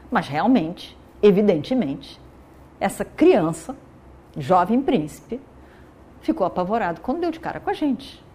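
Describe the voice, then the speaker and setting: A woman voicing a proud male warrior who speaks in a deliberate, dismissive way. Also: medium pitch, warm tone, breathy edge.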